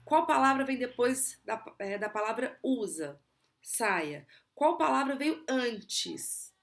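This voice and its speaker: A Brazilian Portuguese woman explaining auditory attention exercises for children in a clear, teacherly way, slowing down to model words. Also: on the high side, animated. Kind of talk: explanatory video lesson.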